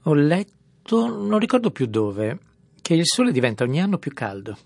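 A man doing a loud, blustering rich brute. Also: on the high side, sing-song, normal speed, creaky, dry recording, voice pushed up, full character voice. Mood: jovial. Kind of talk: audiobook character voice.

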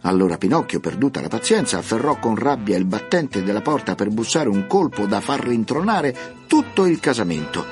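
A man narrating a classic children's tale with expressive, lively storytelling intonation. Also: on the low side, normal speed, few pauses, over music.

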